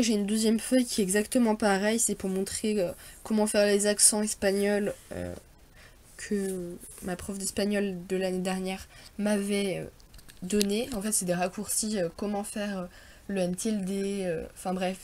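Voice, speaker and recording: A woman's voice: medium pitch, flat delivery, moderate pace, a little mellow. A teenage girl in a casual vlog, showing her school bag and talking in a chatty, hesitant way with many fillers. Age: teens. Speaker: vlogger.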